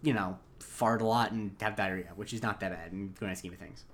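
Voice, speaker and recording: A man speaks fairly quickly in a steady, lowish voice as he co-hosts a podcast. He goes over an episode in loose, rambling conversation, restarting often and using many fillers.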